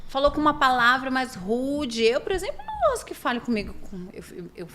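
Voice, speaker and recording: A woman talks openly as a podcast guest. Her voice sits fairly high and moves animatedly through its range. She sounds sincere and emotional, with a faint hiss in the background. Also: brisk. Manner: earnest, emotional, lively intonation. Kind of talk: casual interview talk.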